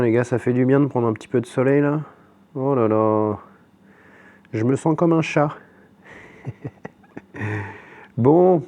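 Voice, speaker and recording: A man's voice: medium pitch, a little mellow. A man from France in his thirties, chatting informally to camera in a casual vlog, full of fillers and slang. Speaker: vlogger.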